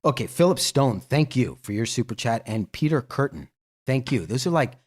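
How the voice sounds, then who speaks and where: A man's voice: mid-range voice, big pitch swings, moderate pace. Rambling, swearing livestream host, a man. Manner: rambling, laughs often, swears casually. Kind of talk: casual livestream chat.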